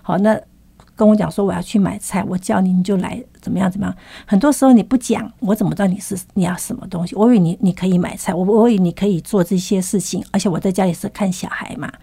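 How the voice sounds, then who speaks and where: A woman's voice: mid-range voice, fairly even intonation, quick pace, gravelly, warm tone, husky, no room sound. A woman guest, animatedly telling personal stories in an interview and acting out the dialogue she quotes. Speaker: food storage expert guest. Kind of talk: storytelling in an interview.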